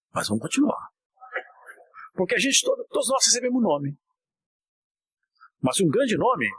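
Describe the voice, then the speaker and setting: A man preaching an impassioned sermon, at times shouting and at times dropping low. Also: breathy edge, poor audio. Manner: impassioned, often shouting, swinging from high to low.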